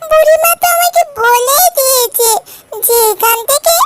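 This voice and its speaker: A woman voicing an eager, pouting little village girl in a cartoon, excitable and childlike. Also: very high-pitched, moderate pace, soft background music. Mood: gleeful.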